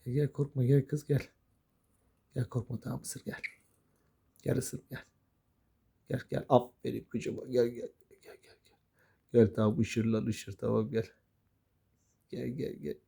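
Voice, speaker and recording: Man, gravelly and mellow, coaxing pet birds in slow affectionate chatter. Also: medium pitch, little pitch movement. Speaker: budgie owner. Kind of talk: casual talk to pet birds.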